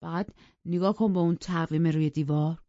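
A woman's voice: low voice, steady tone, mellow, no echo, muffled recording, lightly acted. Woman voicing sullen brooding Heathcliff. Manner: blunt, resentful. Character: brooding sullen young farmhand man.

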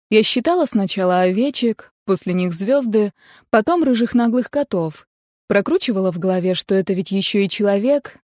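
Woman, audiobook narrator, first-person, wry, mellow voice, dry recording. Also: medium pitch, no room sound. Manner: wry, exasperated storytelling.

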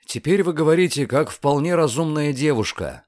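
A man voicing a calm, inquisitive young lawyer in an audiobook, measured and probing. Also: fairly high pitch, dry recording, studio quality, pitched above the performer's own voice, natural voice.

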